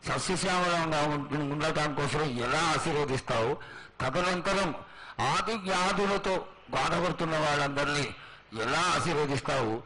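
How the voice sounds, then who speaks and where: Higher-pitched man, reverent priestly supplication. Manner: formal, supplicating, in measured short phrases. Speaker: priest questioning the oracle. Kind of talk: reverent ceremonial address to a goddess. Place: live temple festival ceremony. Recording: noisy live festival sound.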